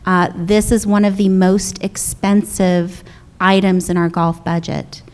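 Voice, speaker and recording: A woman's voice: fairly low pitch, level tone, unhurried, a little mellow, smooth. A middle-aged woman, a controller, giving a businesslike budget presentation and taking audience questions, with frequent fillers and restarts.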